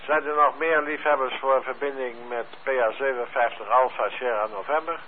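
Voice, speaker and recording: A man running an amateur radio net on air, heard over a two-way radio link, easygoing, spelling out call signs with frequent filler pauses. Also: mid-range voice, fairly even intonation. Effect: heard over a two-way radio transmission. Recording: tinny radio-band sound with faint hiss.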